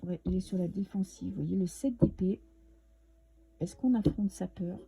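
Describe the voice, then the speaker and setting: A woman's voice: on the low side, moderate pace, vocal fry, warm tone, a little hiss or hum. A woman with a French accent giving a casual, chatty tarot reading to her viewers, with many fillers and restarts. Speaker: tarot reader.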